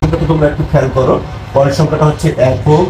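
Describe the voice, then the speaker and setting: Man teaching math slowly in an echoey room. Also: a little high, steady tone. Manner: counting aloud slowly, repeating each step. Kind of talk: step-by-step math lesson for children. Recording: echoey room with faint noise.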